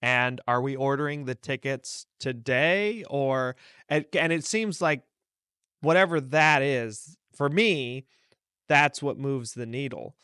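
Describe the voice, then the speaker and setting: A man's voice: medium pitch, slow, pushed and bright, clear, resonant tone, no room sound, studio quality. A man born in Turkey, hosting a podcast and asking loose, rambling questions. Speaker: podcast host. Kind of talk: casual interview conversation.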